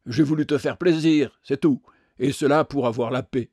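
A man's voice: medium pitch, normal speed, darkish tone, husky, no room sound, studio quality. A man voicing an offended middle-aged man who sulks with wounded dignity in an audiobook. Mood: huffy. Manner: huffy, self-pitying.

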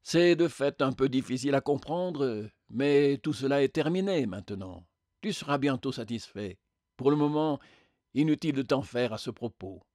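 A serene, patient radiant spirit, as a man reading the tale puts him on, speaking calmly and reassuringly at a middle pitch. It is a storybook reading in a dry, close recording. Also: moderate pace, no room sound, close to an everyday voice. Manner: calm, gentle, reassuring.

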